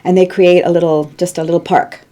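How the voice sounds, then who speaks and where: A Cuban-born woman in her sixties, a guest producer telling animated stories in an interview and laughing easily. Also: lowish voice, a little fast. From Cuba. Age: 60s. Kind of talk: conversational interview storytelling.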